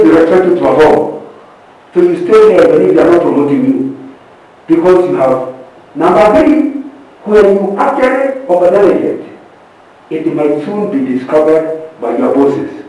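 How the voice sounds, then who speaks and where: A man's voice: high voice, expressive, normal speed, darkish tone. A man leading a group session on leadership, stressing his points by repeating them and checking in with the class. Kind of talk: interactive teaching session. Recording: echoey room, distant from the mic.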